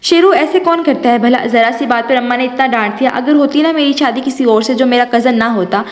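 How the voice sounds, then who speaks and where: A woman's voice: fairly high pitch, close to an everyday voice. A woman voicing a petulant, dramatic young wife in an audio novel. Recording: roomy echo.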